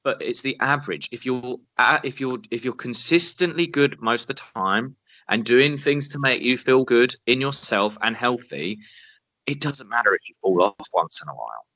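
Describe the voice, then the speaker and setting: A man's voice: mid-range voice, lively intonation, moderate pace, bright, forceful tone, no echo. A young man, co-hosting a casual podcast in an upbeat, encouraging, chatty way. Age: 20s. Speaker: podcast co-host. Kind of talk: casual chat. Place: at home, indoors.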